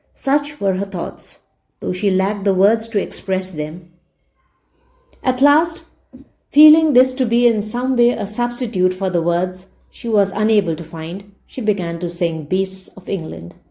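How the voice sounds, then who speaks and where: Her voice is mid-range and warm, moving a little slowly. She narrates a story like an audiobook, playing the role of a read-along English teacher who explains words along the way.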